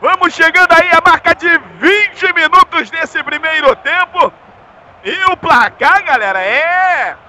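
A Brazilian man giving live football play-by-play with explosive, drawn-out, shouted goal commentary. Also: extremely high pitch, slight background noise.

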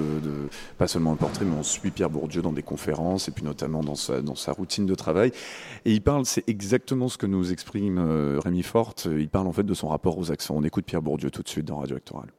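A man's voice: sits low, warm tone. A man hosting a radio interview, asking long, rambling questions and often correcting himself mid-phrase. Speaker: radio host.

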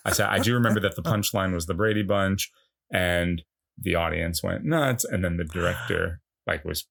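A man's voice: deep voice, moderate pace, gravelly. A middle-aged man, a podcast co-host, telling self-deprecating stories in casual chat. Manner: storytelling, self-deprecating, animated quoting.

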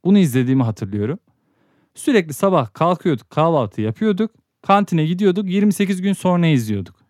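A young man co-hosting a podcast, telling stories in an animated, teasing way. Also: fairly high pitch, fairly quick, no echo, clean studio sound. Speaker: podcast co-host. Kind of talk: casual podcast chat.

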